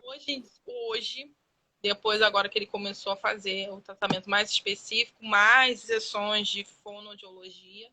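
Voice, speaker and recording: A woman's voice: medium pitch, steady tone, moderate pace, sharp tone, a little hiss or hum, poor audio. A woman with a Brazilian Portuguese accent, a guest mother telling stories in a live-stream conversation and acting out her child's words.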